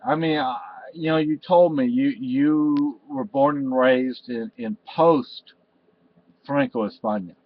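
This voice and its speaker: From a cluttered room in his home, an older Spanish vlogger talks slowly to the webcam in front of him in a mid-range voice. He drifts emotionally from thought to thought, with many restarts and "you know." There's no room sound, and the webcam audio is slightly dull and lo-fi.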